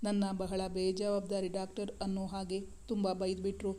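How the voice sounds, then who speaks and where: A woman voicing a young woman doctor who speaks in a pleading, tearful, halting way. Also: medium pitch, completely flat delivery, warm tone, close to an everyday voice. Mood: hurt.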